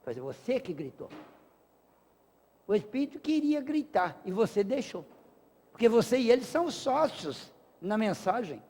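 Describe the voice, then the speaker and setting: A man's voice: high-pitched, big pitch swings, a little slow, a little mellow, husky. A man lecturing a class at a spiritist center, emphatic and rhetorical, acting out little dialogues to make his points. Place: lecture hall of a spiritist association. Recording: long hall reverb.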